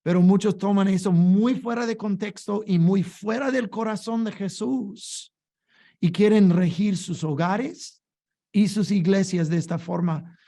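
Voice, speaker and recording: A man's voice: high-pitched, a little slow, dark tone. A man preaching a sermon, emphatic and full of rhetorical questions, often repeating his words.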